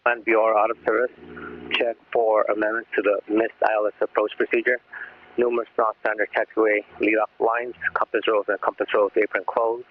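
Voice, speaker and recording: Flat airport weather broadcast man over radio. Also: fairly low pitch, brisk, slightly rough. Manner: flat, monotone readout. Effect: recorded airport weather broadcast over aircraft radio. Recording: tinny radio band with faint static.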